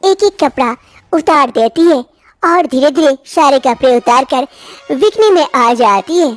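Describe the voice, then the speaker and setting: A woman narrating a family story in a plain, steady storytelling way. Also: sits high, measured pace, no room sound. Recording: faint music underneath.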